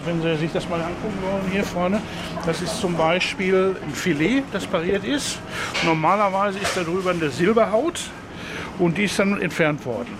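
This high-voiced man in his sixties, from Dortmund, Germany, works at a meat counter. He answers interview questions thoughtfully, with a few hesitant fillers, and there is noise in the background.

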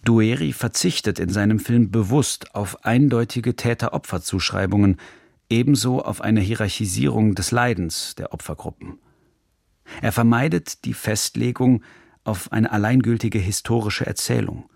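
A man reading a scripted radio documentary narration in a measured, serious manner, recorded in a studio. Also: fairly low pitch, gravelly, darkish tone, no echo.

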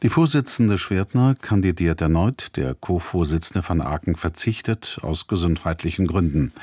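A man reading a radio news bulletin in an even, formal way. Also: low-pitched, no echo. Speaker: newsreader.

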